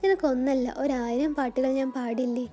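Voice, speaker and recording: A woman voicing a tender young husband in a storybook narration, speaking softly and soothingly. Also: high-pitched, steady tone, normal speed, natural voice. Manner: soft, soothing and affectionate. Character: tender young man, gentle and teasing husband.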